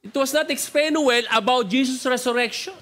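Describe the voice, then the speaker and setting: High-voiced Filipino preacher. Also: male voice, normal speed, fairly bright tone. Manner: conversational, code-switching, asks the crowd to respond. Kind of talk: sermon mixing joke and scripture.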